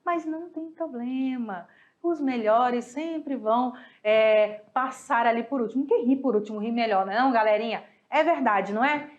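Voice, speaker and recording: A woman's voice: on the high side, moderate pace, highs cut off. A woman teaching a recorded review lesson, talking affectionately to her students and explaining step by step with paired examples. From Brazil. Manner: affectionate, chatty, addresses students as "galera". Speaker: Spanish teacher.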